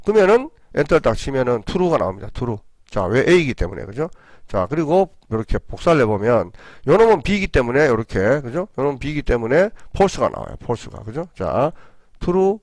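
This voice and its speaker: A male computer-skills instructor walks through a spreadsheet tutorial with a lively, rising-and-falling voice. He explains each step patiently and checks in with his listeners often. The recording is dry and close, with no room sound. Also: medium pitch, moderate pace, dry recording. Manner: patient, repeats "그죠?" for frequent check-ins; talks through each step, with small self-corrections.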